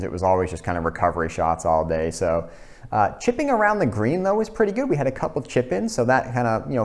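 A young man giving casual, informal golf commentary, talking through his own play. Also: on the low side. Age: young adult. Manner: self-narrating, informal. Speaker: host of a simulator golf series.

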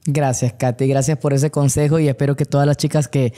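A man's voice: mid-range voice, flat delivery, brisk, dark tone. A man hosting a podcast, politely thanking his guest and prompting her with questions. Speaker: podcast host. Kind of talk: interview conversation.

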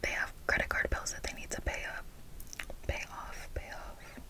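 A young adult woman from Miami, United States, with a Miami accent, whispers an ASMR talk in her bedroom, speaking slowly and deliberately and repeating phrases. She's close to a fur-covered desk microphone. Her tone is sharp, and the recording quality is low.

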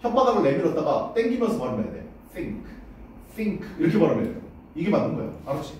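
Male English teacher, casual drilling style, high animated pitch, echoey distant room recording. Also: very fast, a little hiss or hum. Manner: casual, drills words aloud, asks "됐냐?" often. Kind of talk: classroom pronunciation lesson. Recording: roomy echo, voice far from the mic.

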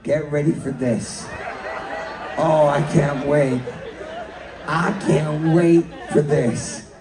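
A Scottish man, a cruise director, hosting a couples' game show for a live audience, teasing contestants, laughing and shouting punchlines. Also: fairly high pitch, fairly even intonation, extremely slow. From Scotland. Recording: echoey hall, distant mic, crowd noise.

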